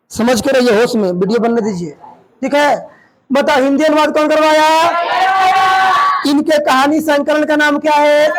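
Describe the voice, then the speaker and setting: A man teaching a class, loudly quizzing students and retelling a story in dialect. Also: extremely high pitch. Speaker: coaching centre teacher. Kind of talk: classroom Hindi lesson with quizzing. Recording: faint room noise and chatter.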